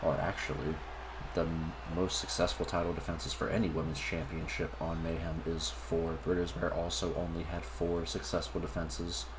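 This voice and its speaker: A man with a deep voice delivers wrestling commentary. He calls each move play by play in short phrases. The recording has heavy noise throughout. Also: flat delivery, normal speed. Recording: very noisy recording.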